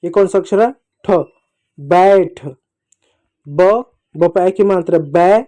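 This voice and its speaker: Slow, patient male teacher, mellow voice. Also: high voice. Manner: slow, patient, repeats sounds and asks children to echo; addresses children fondly. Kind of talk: children's reading lesson.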